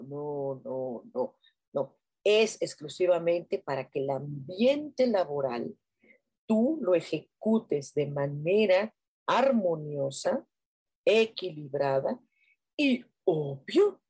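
A Mexican woman hosting a casual live stream, chatting playfully and reading out comments from viewers. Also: low voice. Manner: playful, chatty, breathy hushed guiding. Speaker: host of a live spiritual stream.

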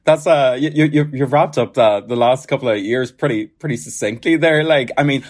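Medium-pitched Irish man hosting a podcast. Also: brisk. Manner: self-deprecating, hesitant, rambling. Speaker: podcast host. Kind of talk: casual chat interview.

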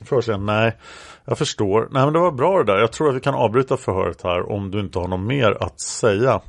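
A calm, formal male police interrogator, read out by a man. His questions are delivered in a procedural, unacted reading with a creaky edge. The sound is dry, with no room. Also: fairly low pitch, no room sound. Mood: questioning.

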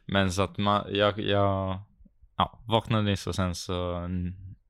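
A man's voice: low-pitched, level tone, fairly bright tone, clear, resonant tone, no echo, studio quality. A man with a Stockholm accent in Swedish, chatting casually as a podcast co-host. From Avesta, Dalarna, Sweden. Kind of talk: casual chat.

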